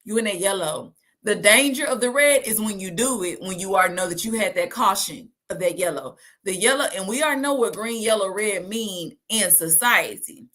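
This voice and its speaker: A woman's voice: mid-range voice, brisk, few pauses. Chatty woman in her thirties. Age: 30s. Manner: chatty, lively, acts out quoted voices. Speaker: host. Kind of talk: casual talk to viewers.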